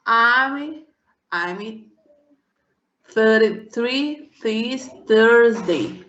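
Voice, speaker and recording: Woman, Brazilian Portuguese accent, hesitant student, very slow, echoey room, dull call audio. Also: a little high, sing-song, a bit bright. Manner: hesitant, restarting words, careful imitation. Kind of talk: repeating drills in a private lesson.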